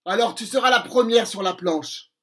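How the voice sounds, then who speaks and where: A man voicing a wicked, hot-tempered pirate captain in a children's storybook reading, loud and falsely polite. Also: sits high, animated, unhurried. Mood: threatening.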